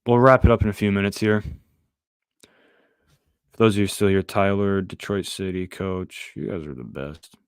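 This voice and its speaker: A man's voice: deep voice, moderate pace, pauses often, clean tone, no room sound, clean studio sound. A young man hosting a podcast, chatting casually with his live viewers and answering the chat. He drifts between questions and trails off into mumbled asides. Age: young adult. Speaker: podcast host.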